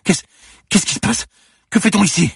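Guy reading a scared young amnesiac woman, husky voice, anxious questions, audiobook. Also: rumbling low, lively intonation, fairly quick, no echo, studio quality, voice pushed up, heavily acted. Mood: alarmed. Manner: anxious, rising to alarmed cries.

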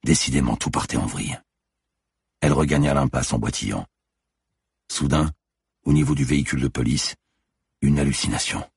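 Very deep, gravelly male narrator. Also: dry recording, studio quality. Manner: tense, measured storytelling. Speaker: audiobook narrator. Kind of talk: scripted thriller narration.

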